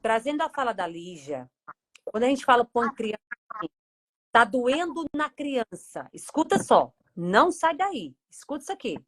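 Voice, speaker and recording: A woman's voice: a little high, big pitch swings, brisk, dry recording. A woman with a Brazilian Portuguese accent, a psychologist hosting an online class from her home over a video call, speaking emphatically and calling out to the audience. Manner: emphatic, calls the audience in directly. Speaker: host and psychologist.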